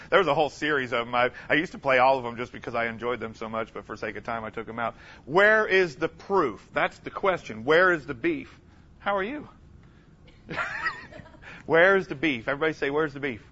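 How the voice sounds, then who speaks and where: A man giving an energetic, humorous conference lecture, emphatic and calling out to the audience for responses. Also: fairly high pitch, dull audio. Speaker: conference speaker.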